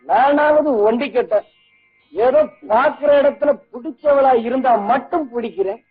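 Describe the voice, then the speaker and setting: A man's voice: extremely high pitch, moderate pace. An actor playing a young man who bitterly accuses his cruel father with mocking, taunting questions. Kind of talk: 1980s film acting. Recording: tinny old film soundtrack, faint music.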